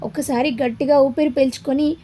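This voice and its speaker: A woman's voice: high voice, steady tone, brisk, dark tone, a little hiss or hum. A woman narrating a serialized story, voicing every character's dialogue herself. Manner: reads all characters in her own voice.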